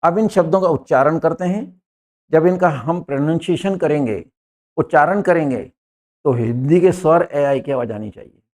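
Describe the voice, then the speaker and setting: A man's voice: a little high, moderate pace, darkish tone. A man teaching English grammar, explaining step by step, repeating each point and addressing viewers as friends. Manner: points at words on a board as he explains. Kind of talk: explanatory lesson.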